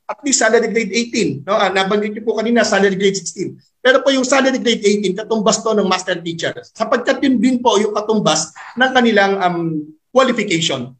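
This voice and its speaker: A man's voice: high-pitched, a bit bright. A male teacher with a Filipino accent, giving formal testimony to a hearing chair, politely and with many fillers and tag questions. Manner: code-switching, frequent "no?" tag and fillers.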